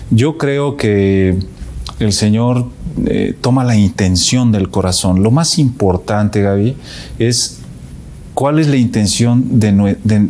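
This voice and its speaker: A man's voice: fairly low pitch, dark tone. A man, a guest in a casual faith chat, who speaks in a thoughtful, hesitant way with frequent fillers.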